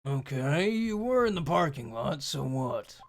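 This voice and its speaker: A man reading a blunt, skeptical game detective in his own everyday voice, with a creaky edge. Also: mid-range voice, sing-song, measured pace. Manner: read plainly in the performer's own voice.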